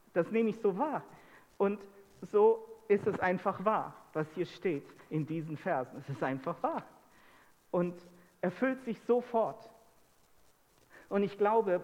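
High-voiced preacher in a reverberant hall. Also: male voice, expressive, slow, pauses often, a little mellow, dull audio. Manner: asks the congregation many rhetorical questions. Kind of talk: sermon.

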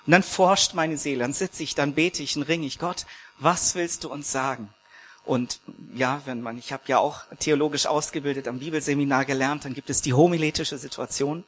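A man's voice: on the high side, brisk, hardly any pauses, fairly bright tone, slight background noise. A man preaching a sermon to his congregation, earnest and searching, with fillers and restarts as he talks.

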